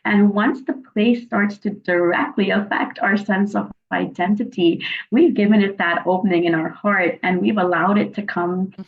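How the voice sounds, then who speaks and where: A woman guest on a podcast, talking in an earnest, emphatic way and slowing down to stress key phrases. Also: mid-range voice, fairly even intonation. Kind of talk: reflective interview talk. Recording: tinny phone-like remote call audio.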